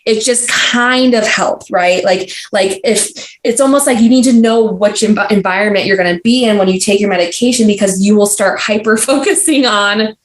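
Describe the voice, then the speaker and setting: A woman's voice: mid-range voice, normal speed, hardly any pauses. A young adult woman, a podcast guest, talking in a casual, rambling way full of fillers and restarts. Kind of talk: casual conversational interview. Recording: roomy echo.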